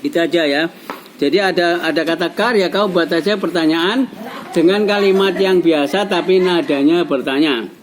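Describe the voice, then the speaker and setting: A man's voice: fairly high pitch, moderate pace, slight background noise, rough recording. A man with an Indonesian accent teaching an English class, patiently repeating and coaxing his students. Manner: patient, repetitive, coaxing explanations.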